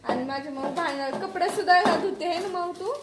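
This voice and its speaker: A woman's voice: extremely high pitch, normal speed, heavy background noise. A woman vlogging at home in her kitchen, playfully teasing her little daughter while they do chores. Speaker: mother and vlogger. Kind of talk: casual home vlog chat.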